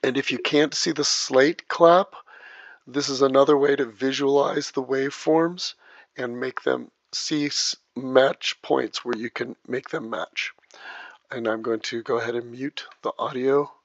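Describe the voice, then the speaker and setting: A man teaching video editing step by step, narrating each click as he works, heard through low sample rate, muffled audio. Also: steady tone, a little slow, fairly bright tone, dry recording. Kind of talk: step-by-step screen tutorial. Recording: dull lo-fi dry voice track.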